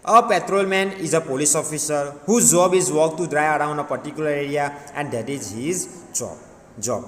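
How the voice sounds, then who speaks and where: A man teaching an English lesson with an Indian accent, drawing out each word very slowly and deliberately in a slightly high voice. He mixes Hindi and English, repeating examples so students can follow. The recording is roomy, with a long reverb trailing off and a faint hum of background noise. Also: a bit bright. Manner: switches between Hindi and English, repeats words slowly and clearly. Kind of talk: classroom lesson explaining English grammar. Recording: echoey room with long reverb.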